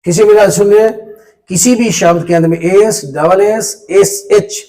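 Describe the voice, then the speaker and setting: A man teaching an English pronunciation lesson to pupils, slowly repeating and spelling out sounds. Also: high-pitched, fairly even intonation, mellow, rough recording.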